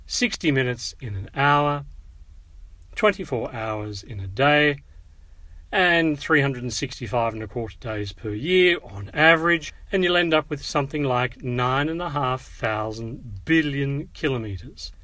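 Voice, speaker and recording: A man's voice: medium pitch, animated, pushed and bright, dry recording. Man narrating a museum audio guide. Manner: measured, instructive, addressing the listener directly.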